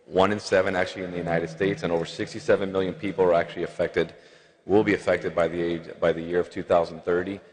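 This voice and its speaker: A man giving an earnest conference lecture to physicians, often repeating "actually". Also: low-pitched. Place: large conference hall. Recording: long hall reverb.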